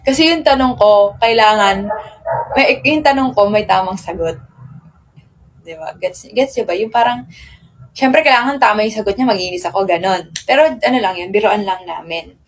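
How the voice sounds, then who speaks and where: A woman's voice: medium pitch, normal speed. A young woman with a Filipino accent chatting casually with fans on a live stream. She rambles through her stories, fills them with tag words and switches between Tagalog and English. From Philippines.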